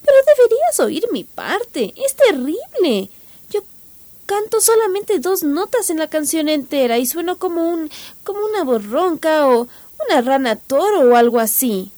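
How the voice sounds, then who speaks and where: A woman voicing a young girl in a storybook reading, high-pitched and complaining. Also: big pitch swings, moderate pace, warm tone, no echo. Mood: upset. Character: young girl, fretful then good-humored.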